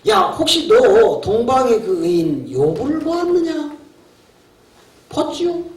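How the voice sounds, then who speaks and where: A commanding God, as a preacher acts him out, pitched high above the speaker's normal voice and pushed loud. He questions curtly and bluntly. The sound is echoey and picked up from afar. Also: huge pitch swings, slow pace, full character voice. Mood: questioning. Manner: brusque, probing questions. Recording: echoey hall from far off.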